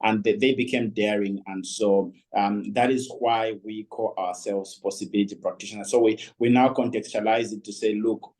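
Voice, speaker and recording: A man's voice: on the low side, steady tone, moderate pace, hardly any pauses, a little mellow, low-quality recording. A man speaking as a guest on a leadership panel, reflective and talking with many fillers. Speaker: guest speaker, company founder. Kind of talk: panel discussion.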